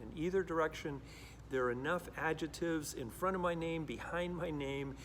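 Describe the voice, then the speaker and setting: The middle-aged man, a Costa Rica–raised pastor, gives a reflective, earnest talk to camera and restarts himself often. He speaks at a moderate pace in a voice on the high side, a bit bright. Some hiss or hum can be heard.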